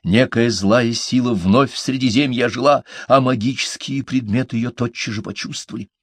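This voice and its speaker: A man's voice: mid-range voice, normal speed, husky, dry recording, studio quality, voice pushed up. A man voicing a thoughtful, earnest male hobbit who explains things carefully.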